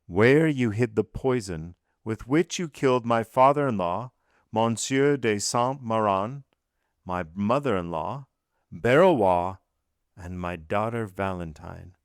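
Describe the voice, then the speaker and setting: A man's voice: fairly low pitch, animated, takes it slowly, clear, resonant tone, no echo, studio quality. A man reading aloud, voicing a stern magistrate who questions his wife in a blunt, commanding way. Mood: cold, commanding. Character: cold, stern magistrate husband.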